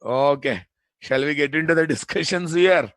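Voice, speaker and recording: With a fairly high pitch and a fairly bright tone, a man with a Telugu Indian accent speaks at a moderate pace while teaching a live programming class. As the instructor, he banters informally with his students and repeats phrases and questions for emphasis. The recording is studio quality, with no room sound.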